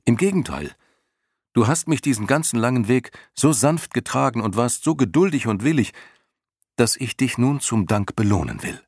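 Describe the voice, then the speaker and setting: A man voicing a kind, gentle young boy who speaks earnestly and soothingly, sometimes in a soft whisper. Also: medium pitch, animated, moderate pace, breathy edge, no echo, studio quality, pitched above the performer's own voice. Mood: tender.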